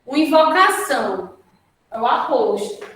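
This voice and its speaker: A woman's voice: high voice, very animated, a little slow, a bit bright. A woman with a Brazilian accent teaching a remote grammar lesson at a whiteboard, patiently checking in with her students after each point. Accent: Brazilian Portuguese. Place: classroom or studio with a whiteboard. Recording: very echoey room, mic at a distance.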